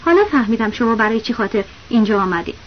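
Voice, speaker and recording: A woman voices a male village school principal, a talkative know-it-all who keeps interrupting with insistent, knowing remarks and talks over others. Her expressive voice is a little high, though pitched below her natural one. The audiobook recording is dull and lo-fi, with faint hiss.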